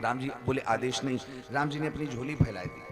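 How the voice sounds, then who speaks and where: A man's voice: medium pitch, fast talker. A male preacher telling a devotional story with feeling, breaking into devotional singing. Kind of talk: devotional storytelling sermon with song. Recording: devotional music behind the voice. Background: Indian devotional music.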